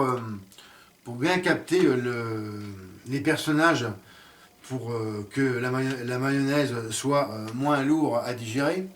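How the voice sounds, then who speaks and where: A man's voice: medium pitch, far from the mic. A man giving a casual spoken series review, hesitant and full of fillers and restarts.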